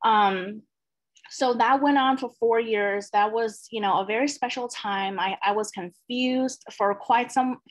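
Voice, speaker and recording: A woman's voice: on the high side, a little slow, poor audio. A young woman from China, a panel guest, earnestly telling her own story with filler words.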